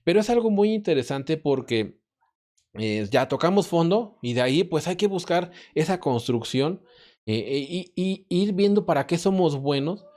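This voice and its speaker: A man's voice: fairly high pitch, lively intonation, moderate pace, darkish tone. A man with a Mexican accent, a math and physics professor, talking as a guest in a casual podcast conversation. He thinks aloud, often hesitating and restarting.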